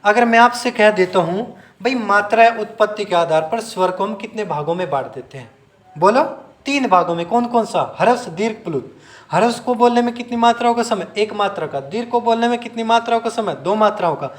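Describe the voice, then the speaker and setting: Man, high voice, teacher, question-and-answer drilling, stretched demo sounds. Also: animated, a little fast. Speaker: Hindi teacher for exam students. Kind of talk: classroom-style video lesson.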